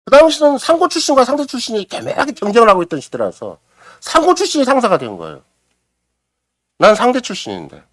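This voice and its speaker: Middle-aged man, pastor, sermon, wildly swooping voice, close and dry sound, booming then hushed. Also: wildly swooping pitch, quick pace, no room sound. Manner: preaches with sweeping swings between loud exclamation and hushed near-whisper; acts out quoted voices and prayers dramatically. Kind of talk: Sunday morning sermon. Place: church sanctuary.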